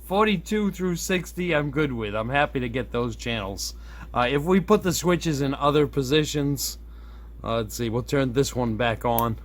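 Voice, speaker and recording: Seated at a workbench indoors, a hobbyist shows off a radio mod he built, musing aloud in a relaxed, hands-on demonstration. His voice sits in the mid range and moves at a moderate pace. The nearby tripod-mounted camera catches steady background noise along with the room's ambience.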